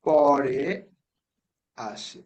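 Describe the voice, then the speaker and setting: A man, teaching spelling to a children's class, patiently repeating words slowly and quizzing the pupils. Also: mid-range voice.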